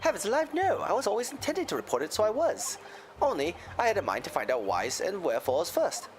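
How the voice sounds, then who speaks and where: A man's voice: high-pitched, sing-song, fast, soft background music, voice pushed up. A man voicing a folksy, genial Irish moneylender in a courtroom game, with an Irish accent and a theatrical lilt. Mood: slyly genial. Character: folksy, smooth-talking Irish moneylender, genial male witness. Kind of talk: voiced reading of game dialogue.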